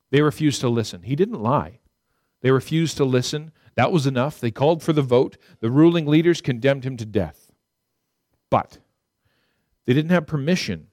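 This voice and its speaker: A man preaching a sermon as dramatic storytelling, swinging from loud, high peaks to hushed, low passages. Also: dry recording, clean studio sound.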